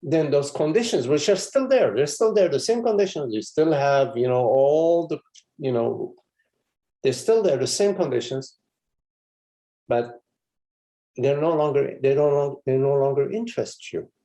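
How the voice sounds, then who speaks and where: A man's voice: on the high side, animated, unhurried, warm tone. A man, a spiritual teacher, giving a meditative live satsang talk in a meandering, conversational way with frequent chuckles and asides.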